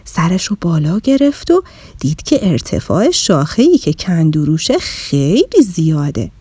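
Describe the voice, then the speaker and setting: A woman narrating a children's story in an animated, expressive way. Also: fairly low pitch, breathy edge, no echo.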